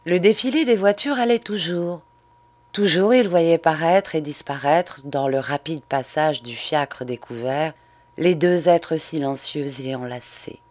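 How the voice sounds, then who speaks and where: Slow, low-voiced woman narrating a story. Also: no echo. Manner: measured, expressive. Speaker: audiobook narrator. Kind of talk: literary audiobook narration.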